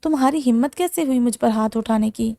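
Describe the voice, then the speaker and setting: A woman's voice: on the high side, mellow, no room sound, studio quality, lightly acted. A woman voicing a bitter, defiant young woman held captive in a romance audiobook.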